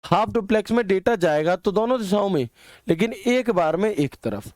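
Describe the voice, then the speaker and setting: A male computer teacher lectures in a chatty classroom style, using homely examples and often asking "ठीक है" to check that students understand. His voice is high-pitched, darkish, and animated, at a moderate pace, recorded dry with clean studio sound.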